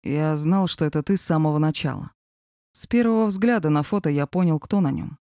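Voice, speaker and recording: A woman voicing a smug, teasing male boss in an audiobook, mocking and self-assured, in a dark, mellow voice. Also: sits low, fairly quick, dry recording, clean studio sound. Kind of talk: audiobook character reading.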